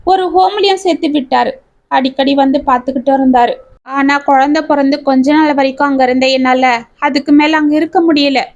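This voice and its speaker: A woman's voice: high-pitched, fairly even intonation, moderate pace, a little mellow, dull audio. A woman doing a grieving, tearful mother. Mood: sorrowful confession. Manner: heartfelt confessional telling.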